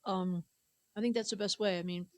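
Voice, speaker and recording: A woman's voice: medium pitch, steady tone, brisk, darkish tone, no room sound, clean studio sound. A woman guest on a radio show, talking loosely with lots of "you know" and "like". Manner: loose, filler-heavy, says "you know" and "man". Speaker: singer-songwriter guest. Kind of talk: casual interview chat. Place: radio booth.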